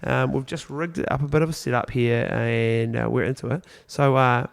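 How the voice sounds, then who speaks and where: Gravelly New Zealand man hosting a podcast. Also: medium pitch, steady tone, normal speed. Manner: casual, friendly, local slang. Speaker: podcast host. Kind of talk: casual podcast interview. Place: a shop.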